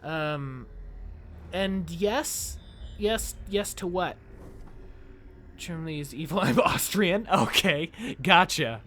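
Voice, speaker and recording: A young American man streams from a small room, chatting casually with viewers into a headset mic as he plays. His voice is fairly high and his pace slow, with frequent pauses, and he's chatty and animated as he talks to chat during gameplay commentary. There's slight background noise.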